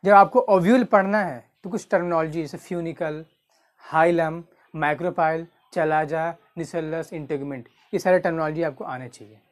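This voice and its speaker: In this exam-prep biology lecture, a slightly high-voiced man goes over key terms slowly and repeatedly, asking questions and supplying the answers on his own.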